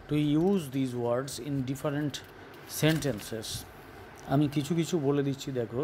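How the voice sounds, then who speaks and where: A man's voice: medium pitch, dark tone, slight background noise. A man teaching an online school English class with a Bengali accent, explaining word meanings step by step in English and Bengali. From West Bengal, India. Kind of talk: recorded online class lesson.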